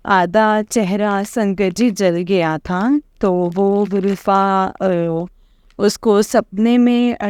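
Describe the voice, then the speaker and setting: A woman's voice: mid-range voice, a little mellow, smooth, dry recording, clean studio sound. A woman telling a rambling personal testimony to a congregation, full of hesitant fillers and repeated address to her listeners. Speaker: devotee sharing a testimony.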